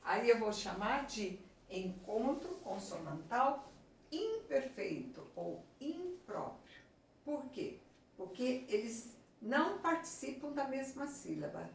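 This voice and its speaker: A woman teacher with a Brazilian Portuguese accent, giving a slow, deliberate lesson at a board and often checking in with her class. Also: fairly high pitch, big pitch swings, a little hiss or hum. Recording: echoey room from far off.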